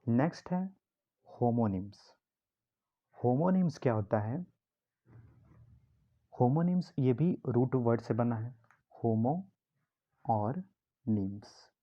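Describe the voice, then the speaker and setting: A man's voice: mid-range voice, lively intonation, takes it slowly, long pauses, lo-fi sound. A man teaching vocabulary in a classroom style, asking his own questions and repeating key words to explain them. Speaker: English teacher.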